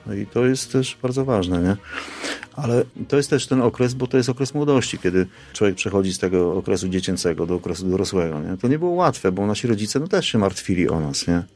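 A middle-aged man being interviewed, reminiscing informally in a halting, emphatic way with frequent tag questions. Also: on the low side, animated, a little mellow, soft background music. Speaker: interview guest recalling his youth.

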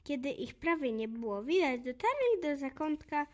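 High-voiced woman reading a children's story. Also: big pitch swings, moderate pace, darkish tone. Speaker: narrator.

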